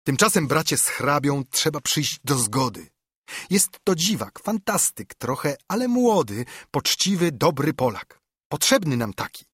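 A man's voice: fairly high pitch, very animated, measured pace, fairly bright tone, slightly rough, no room sound, studio quality, voice pushed up, full character voice. A man reading as a fervent old monk. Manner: impassioned, urging. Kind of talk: audiobook reading of epic verse.

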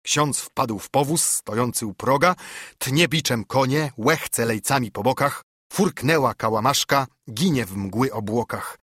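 Male audiobook narrator, measured verse rhythm, husky voice, dry sound. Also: mid-range voice, a bit bright, no room sound. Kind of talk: audiobook reading of epic verse.

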